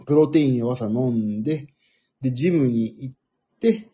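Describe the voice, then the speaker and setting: A middle-aged man with a husky voice hosting a casual, rambling audio stream in a self-deprecating manner. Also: medium pitch, normal speed, warm tone. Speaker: audio livestream host.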